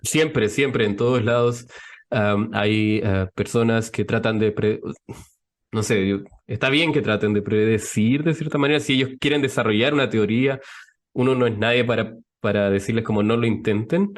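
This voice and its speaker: A man's voice: lowish voice, normal speed. A young man with a Chilean accent, a scientist guest on a podcast, explaining things in a thoughtful way. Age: young adult. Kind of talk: podcast interview.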